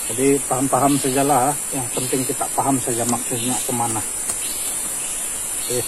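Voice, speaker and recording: Pria Malaysia bersuara datar, alam terbuka. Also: male voice, medium pitch. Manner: relaxed explaining, steady even delivery. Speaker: vlogger. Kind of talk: casual outdoor vlog. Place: hillside durian orchard, outdoors. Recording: outdoor recording with clear background noise.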